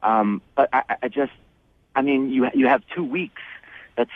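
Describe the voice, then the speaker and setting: A man's voice: mid-range voice, steady tone, moderate pace, no echo. Earnest male caller, nervous stammer, dull phone sound. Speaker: caller on a radio show. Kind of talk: phone call on morning radio.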